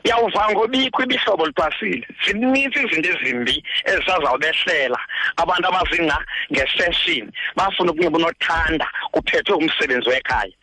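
A man's voice: a little high, quick pace, sharp tone, husky, poor audio. A man with a Xhosa accent, explaining traditional custom as a guest expert on talk radio.

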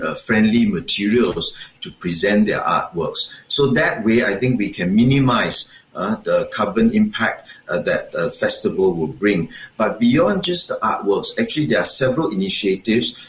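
A man answers interview questions in a formal, measured way with hesitant phrasing. His voice sits on the low side. The room echoes, with faint noise behind him. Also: expressive. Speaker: festival director, interview guest. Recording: roomy echo with faint background noise.

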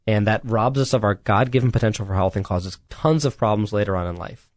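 A man's voice: lowish voice, a little fast, no echo. Chiropractor guy on a radio health show, earnest and pushy, lots of you knows, dry close studio sound. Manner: earnest, urgent, with frequent restarts and "you know". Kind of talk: solo radio health talk.

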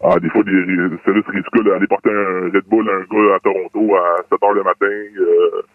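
A man in his thirties with a Quebec French accent and an electronically lowered, disguised voice, haltingly telling his story as an anonymous caller. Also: flat delivery. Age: 30s. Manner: hesitant, plain storytelling with many fillers. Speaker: anonymous caller confessing a secret. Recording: tinny phone-like line, dry.

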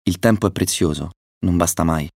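A man voicing a calm wise owl doctor. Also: deep voice, moderate pace, creaky, no echo, studio quality. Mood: calm, explaining. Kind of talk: children's story reading.

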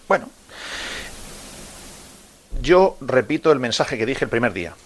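A man's voice: mid-range voice, sing-song, unhurried, a little hiss or hum. A man in his fifties from Murcia, hosting a sports radio show and delivering an impassioned monologue, speaking straight to his listeners with rhetorical questions. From Murcia, Spain. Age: 50s. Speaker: radio host.

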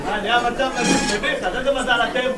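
High-voiced stand-up comic over loud crowd. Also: male voice. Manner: teasing the audience, brash. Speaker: stand-up comedian. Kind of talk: stand-up routine. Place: comedy club stage with live audience. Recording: loud crowd and noise, live set.

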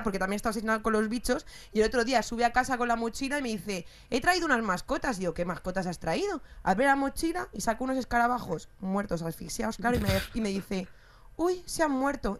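A woman's voice: a little high, brisk, hardly any pauses. A woman in her thirties in casual chat, telling a family story and laughing through it. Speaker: guest.

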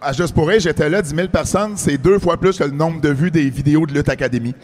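High-voiced host, teasing. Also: male voice, quick pace. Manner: teasing, hesitant with many fillers. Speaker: podcast host. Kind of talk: casual interview chat.

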